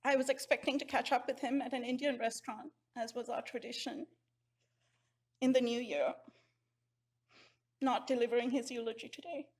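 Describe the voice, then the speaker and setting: A middle-aged woman from Sri Lanka, giving an earnest, heartfelt memorial eulogy at a measured pace. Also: a little high, fairly even intonation, a little mellow.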